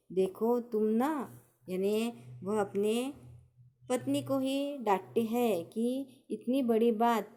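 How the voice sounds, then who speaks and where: A woman's voice: on the high side, mellow. A woman teacher explaining a Hindi lesson, reading lines of dialogue and then explaining each one in plain words. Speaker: school teacher.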